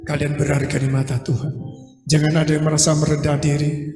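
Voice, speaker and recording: Preacher, male, high voice, lively testimony; recorded far off in an echoey hall with faint music. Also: fairly quick. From Indonesia. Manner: vivid storytelling, mixing in local slang and English phrases. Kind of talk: personal testimony sermon. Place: indoor retreat hall.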